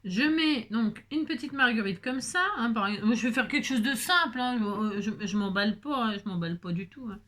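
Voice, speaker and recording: A woman's voice: on the high side, expressive, fairly quick, few pauses, a bit bright. Chatty French woman crafting, exclaiming. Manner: talkative, self-mocking, exclaims often. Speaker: crafting vlogger.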